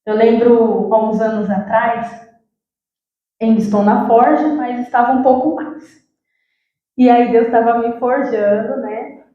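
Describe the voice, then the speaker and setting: A high-voiced woman with a Brazilian accent gives a sermon with a personal testimony, telling her story in a lively way and speaking straight to the congregation. Her voice rings through a very echoey church hall, and the recording sounds dull and lo-fi. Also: a little slow. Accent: Brazilian Portuguese. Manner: lively storytelling, acts out dialogue, addresses the congregation. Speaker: church worker preaching.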